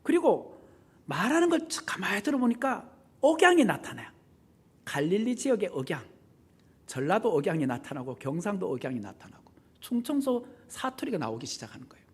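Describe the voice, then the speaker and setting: A male pastor delivers a lively sermon in a church, his pitch rising and falling widely as he acts out the voices he quotes. His voice has a slightly husky edge. He talks with the congregation, putting questions to them. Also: fairly quick. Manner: animated, acts out quoted voices with big swings in loudness; conversational, asks the congregation questions. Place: church sanctuary.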